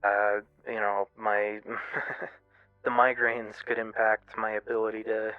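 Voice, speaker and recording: A man giving a candid, casual personal monologue as a streamer, in a halting, self-reflective way. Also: fairly low pitch, monotone, clear, resonant tone. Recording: muffled, roomy lo-fi radio-like sound, music behind. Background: music.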